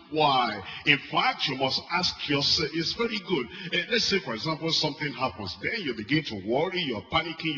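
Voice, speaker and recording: Preacher guy, bright forceful voice, keeps asking why over and over, lo-fi with faint music behind. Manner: repeats questions, swings from loud urging to low musing. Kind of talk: sermon. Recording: dull lo-fi recording with faint music.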